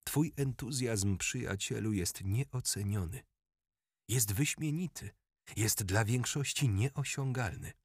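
Man reading a calm, dignified king. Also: mid-range voice, breathy edge, dry recording, clean studio sound. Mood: calm, gentle. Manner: slow, measured, precise. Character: calm dignified gentle old king, philosophical.

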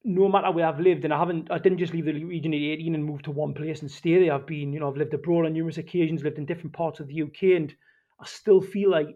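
A man's voice: a little high, fairly even intonation, quick pace. A man with a Geordie accent talking reflectively about himself in a tentative, self-qualifying way. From Newcastle region, North East England. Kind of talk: reflective personal talk. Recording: dull, lo-fi sound.

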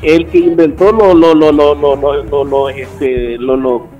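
A man co-hosting a radio chat, animated and laughing as he tells stories and acts out quoted voices. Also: a little high, unhurried, recorded from a distance, dull audio. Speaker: radio show co-host. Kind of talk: casual storytelling chat. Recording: voice a bit off the mic with faint music.

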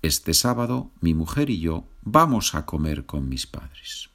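Slow, deep-voiced male Spanish teacher. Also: big pitch swings, gravelly, a bit bright. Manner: patient, repeats examples, checks in with "¿sí?". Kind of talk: slow, clear grammar lesson.

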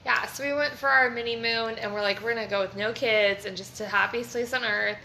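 A woman co-hosting a casual chat, animated and swearing freely as she tells stories. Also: on the high side, a little fast, creaky, roomy sound, a little hiss or hum.

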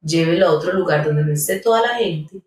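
A woman, a pedagogue guest giving calm, step-by-step parenting advice in conversation. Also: sits low, fairly quick. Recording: roomy sound, mic at a distance.

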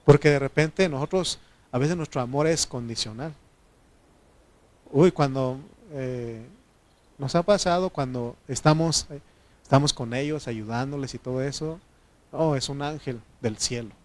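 Informal male preacher, halting delivery. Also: medium pitch, darkish tone. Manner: informal, pauses on fillers, frequent amen. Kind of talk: conversational sermon.

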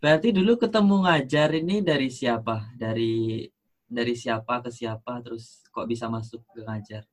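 A man's voice: medium pitch, moderate pace. A man from Surabaya interviewing a guest casually, nodding along with frequent agreement. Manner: frequent backchannel agreement, relaxed questions.

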